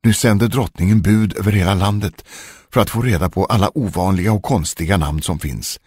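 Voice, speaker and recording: A man reading a fairy tale aloud in a lively, expressive way. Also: sits low, husky, no room sound, studio quality. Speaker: storyteller.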